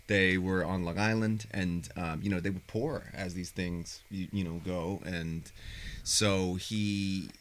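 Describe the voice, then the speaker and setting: An American man from Indiana chatting casually as an interview guest, halting and rambling as he searches for his words. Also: deep voice, steady tone, a little hiss or hum. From Indiana, United States. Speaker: guest, stage performer.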